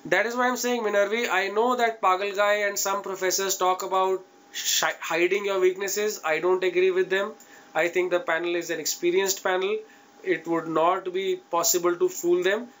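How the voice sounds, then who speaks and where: His voice sits high and fairly bright, with fairly even intonation and a moderate pace, heard on a low-quality recording. The man, an Indian-accented interview coach running an online class, offers direct, informal advice with emphasis and keeps checking in with his students.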